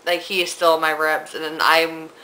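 Bright-voiced pregnant woman, stuffy nose. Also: sits low, little pitch movement, moderate pace, rough recording. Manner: chatty, rambling, many ums and likes. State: out of breath. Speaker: vlogger. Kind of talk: casual pregnancy vlog.

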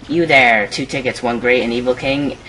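A man's voice: mid-range voice, normal speed, bright, forceful tone, lightly acted, rough recording. A man doing a fussy old witch servant. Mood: haughty.

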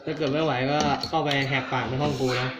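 A man's voice: on the high side, level tone, quick pace, very noisy. A man joking bluntly in a casual chat with friends.

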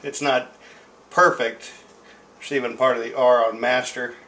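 Indoors at home, a middle-aged tape deck seller casually shows off his equipment, wandering through self-deprecating, off-the-cuff remarks. He speaks unhurriedly in a steady, mid-range voice with a sharp tone, over music from the record and tape playback and a little hiss or hum.

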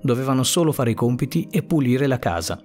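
Man narrating a story with lively pitch. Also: brisk, faint music behind.

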